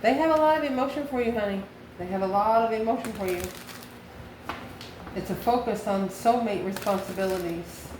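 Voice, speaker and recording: A woman speaks at a fairly quick clip with a medium pitch, giving the viewer an intuitive tarot reading as she muses in short, repeated phrases and questions. She's a tarot reader and channel host from the United States, heard in an echoey room with clear background noise.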